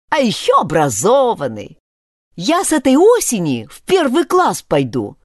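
A swaggering young boy, sly and full of himself, bragging in a bright, bouncing voice, as a woman reading the story puts him on. It sounds close and dry. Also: high voice, no room sound, voice pushed up, full character voice. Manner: boastful, swaggering. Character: cocky scheming boy with a slingshot.

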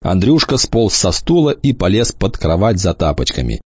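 Expressive male audiobook reader. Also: sits low, moderate pace, slightly rough, no room sound, muffled recording. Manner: expressive, shifts into character voices. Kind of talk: reading a children's novel aloud.

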